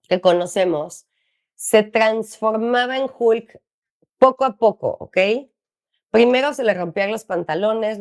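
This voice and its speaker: A middle-aged woman with a Mexican accent talks through her ideas in an interview. She explains with patient earnestness, often asking a question and then answering it herself. Her pitch sits in the middle of the usual range for a woman. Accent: Mexican Spanish. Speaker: ADHD coach for parents.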